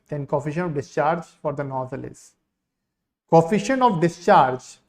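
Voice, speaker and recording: A man with an Indian accent, an online teacher, giving an insistent, repetitive sales pitch to his live class. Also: darkish tone. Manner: insistent sales pitch, repeating key phrases.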